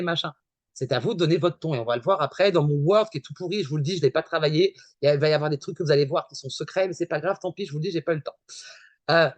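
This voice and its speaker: A man with a high voice presents at a conference in a loose, rapid style. He keeps repeating his key points and talks straight to his audience. The sound is dry and close. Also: no echo. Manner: fast, casual and emphatic, repeats points, addresses audience. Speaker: conference speaker. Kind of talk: conference talk with slides.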